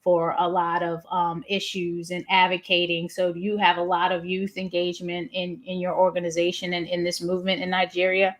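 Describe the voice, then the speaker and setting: A woman in her fifties hosting a live interview over a video call, chatty and quick to laugh. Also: on the low side, monotone. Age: 50s. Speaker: host.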